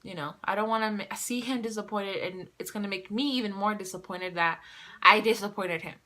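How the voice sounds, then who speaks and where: A young woman chats to her camera in a casual vlog, telling a story with animated energy. Her voice is bright and forward, with a tense, sharp edge to it. She sits at an ordinary middle pitch for a woman. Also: a little fast. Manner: animated, acts out quoted dialogue. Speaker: vlogger.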